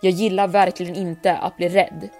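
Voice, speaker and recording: A woman reading aloud, voicing a frightened young man who is a timid office worker, with panicked outbursts that turn tight and flat. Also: on the low side, faint music behind, lightly acted. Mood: tense.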